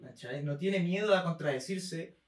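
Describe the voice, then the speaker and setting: A man's voice: fairly high pitch, normal speed. A young man with a Chilean accent, co-hosting a casual literary podcast and tagging his points with checks like "¿cachai?". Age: young adult. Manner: frequent "¿cachai?" and "¿me entiendes?" tags. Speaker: podcast co-host. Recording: roomy echo, mic at a distance.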